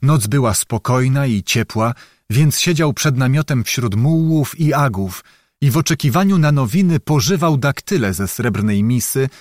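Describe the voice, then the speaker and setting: A man narrating an audiobook in a measured, dramatic reading. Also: medium pitch, no room sound, studio quality.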